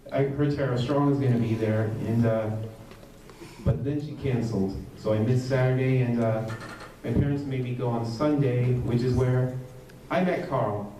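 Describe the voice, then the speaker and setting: A young man telling a fan group how he got into the show, with lots of pauses and fillers. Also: medium pitch, mellow. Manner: halting, filler-heavy. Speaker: fan meetup member. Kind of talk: casual spoken testimony to a group. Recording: echoey room, distant mic, crowd noise.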